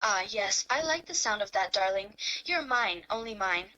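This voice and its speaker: Rinoa, a woman playing a bright-voiced possessive lover. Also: medium pitch, expressive, normal speed, lo-fi sound. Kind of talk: live-streamed romantic roleplay reading.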